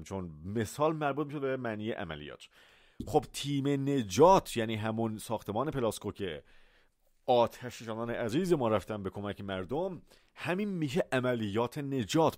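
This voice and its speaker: Man, English vocabulary teacher, animated pitch, repeats words, dry close sound. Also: dry recording. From Iran. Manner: animated, repeats words for pronunciation and switches between Persian and English. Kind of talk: vocabulary lesson explaining words with examples.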